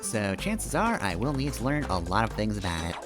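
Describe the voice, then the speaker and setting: A man offers wry, analytical, rambling commentary while live-streaming a video game, with the game's music playing behind him. He talks briskly in a lowish, sing-song voice.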